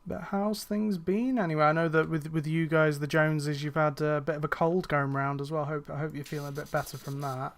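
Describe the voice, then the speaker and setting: His voice a little high, a young streamer talks to his viewers with flat, brisk delivery and hardly any pauses while playing a cleaning game live. The chat is casual and rambling, full of fillers and restarts, and he sounds a bit tired.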